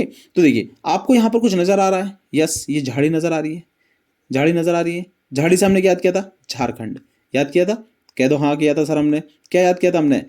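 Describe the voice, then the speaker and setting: A man's voice: a little high, mellow. A man teaching a geography lesson through memory-trick stories. He keeps asking his viewers questions and then answers them himself. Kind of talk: animated mnemonic geography lesson.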